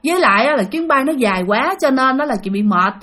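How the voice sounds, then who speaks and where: A woman narrates a ghost story, her voice pitched high. She speaks in a chatty way and turns to her listeners often. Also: expressive, fast talker, fairly bright tone. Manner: chatty, addresses listeners directly.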